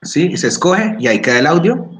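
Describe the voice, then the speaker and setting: A man giving a casual screen-recorded app tutorial, explaining step by step, often checking in and clearing his throat. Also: on the high side, big pitch swings, quick pace, fairly bright tone, slight background noise. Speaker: workshop instructor. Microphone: computer or phone microphone.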